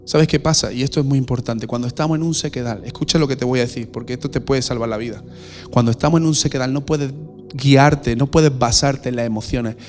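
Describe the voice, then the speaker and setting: A pastor preaching a sermon in a church, direct and questioning. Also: male voice, mid-range voice, brisk, a little mellow, faint music behind.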